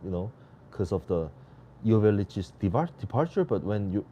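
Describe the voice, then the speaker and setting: A man's voice: lowish voice, moderate pace, highs cut off. Tired man doing casual match commentary. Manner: chatty, rambling, bursts of excitement at chances. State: tired, yawning. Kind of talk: casual live watch-along commentary. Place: indoor room with air conditioner running. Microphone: home mic without noise canceling. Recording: faint air-conditioner hum behind. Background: air conditioner hum.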